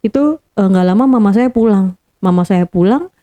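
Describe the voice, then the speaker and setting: Speaking at a moderate pace in a medium-pitched, dark-toned voice, this animated woman guest shares a painful family story from her own perspective. She's earnest throughout, voicing the quoted lines herself and circling back to key points for emphasis.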